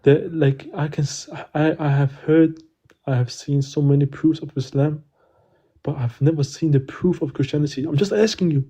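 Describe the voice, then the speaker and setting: A young man calls into a live online debate to challenge the hosts, questioning them again and again while hesitating, stumbling over words, and repeating himself. His husky, warm voice sits on the high side, holding a steady tone at a moderate pace.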